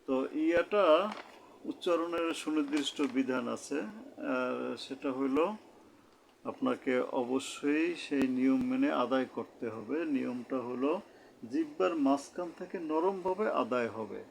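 A man with a gravelly voice explains each letter in a slow, careful lesson. He says every sound over and over at an unhurried pace. A faint hiss of noise sits under the recording. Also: medium pitch. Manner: repeats each letter sound slowly and deliberately. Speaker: Quran recitation teacher.

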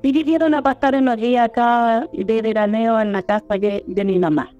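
A woman's voice: on the high side, steady tone, warm tone. Chilean woman telling a story over lo-fi audio. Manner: rambling, halting, repeats and restarts words. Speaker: storyteller guest. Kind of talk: recounting a personal experience. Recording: muffled lo-fi audio with faint music.

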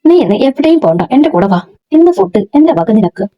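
A woman's voice: a little high, sing-song, brisk. A woman reading the lines of an arrogant young man who sneers at and threatens a female coworker, in a dull lo-fi recording. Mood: threatening.

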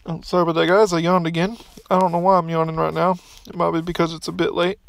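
A man's voice: on the high side, level tone, quick pace, creaky, a little hiss or hum. A young man casually commenting on his gameplay, rambling and restarting his sentences, recorded on a phone outdoors by a pool. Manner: rambling, restarts often, mildly crude. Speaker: gaming YouTuber.

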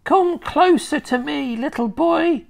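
A storybook reader voicing a sinister, witch-like old grandmother who taunts and threatens in a drawn-out way, slipping into a throaty whisper. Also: creaky, a little mellow, full character voice. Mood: shrill, taunting. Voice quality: shrill and cackling, dropping to a throaty whisper. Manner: slow, drawn-out menacing delivery. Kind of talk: storybook reading.

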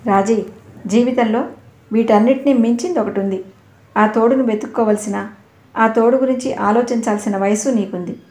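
A woman's voice: on the high side, moderate pace, mellow, roomy sound, close to an everyday voice. A woman voicing a stern, sarcastic male tutor in an audio novel, probing with pointed questions.

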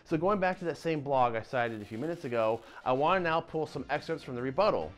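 A man in his thirties hosting a martial arts channel, presenting an explainer to camera in a lively, gesturing way with casual asides. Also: medium pitch, quick pace, soft background music. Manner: animated, talks with his hands, casual asides. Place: dim indoor dojo-style room. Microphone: lapel mic.

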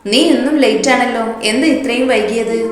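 A woman's voice: on the high side, steady tone, a little fast, natural voice. A woman voicing a pushy young man who mocks and pesters the heroine in a spoken story. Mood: taunting. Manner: taunting and mocking. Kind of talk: storytelling voice acting. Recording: very echoey room, long reverb.

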